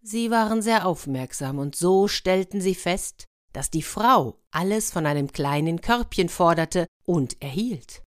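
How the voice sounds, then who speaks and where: A woman telling a fairy tale in a lively way, turning to her listeners with questions. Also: on the low side, a little slow, few pauses. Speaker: storyteller.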